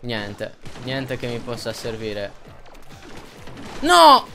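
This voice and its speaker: A young man doing gameplay commentary, excitable, repeating himself and yelping when things go wrong. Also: medium pitch, measured pace, faint music behind. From Italy. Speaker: gaming youtuber.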